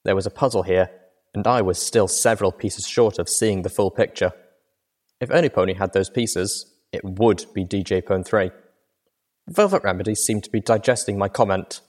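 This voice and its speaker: A man narrating a first-person fan fiction audiobook in a steady, measured storytelling voice. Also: lowish voice. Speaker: audiobook reader.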